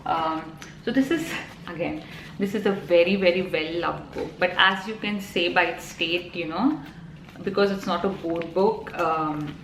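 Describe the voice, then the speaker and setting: Her voice sits slightly low, with a fairly bright tone, as she speaks casually to camera about parenting. She's in her thirties, has an Indian accent, grew up speaking Telugu, and leans on ums and you-knows. Behind her is an echoey room with a faint ambient hum.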